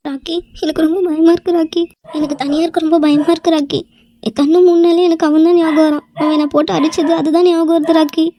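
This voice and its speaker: A scheming young rival in a cartoon, voiced by a woman, high-pitched and quick, whimpering her pleas. Her tone is soft and mellow, and the recording is dry and close. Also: flat delivery, a little hiss or hum. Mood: pleading, frightened. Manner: whimpering and pleading, then low and sly in asides. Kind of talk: amateur cartoon voice acting.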